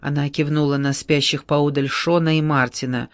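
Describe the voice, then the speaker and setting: A man narrating an audiobook in an even, measured reading. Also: fairly high pitch, no room sound, clean studio sound. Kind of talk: scripted narration.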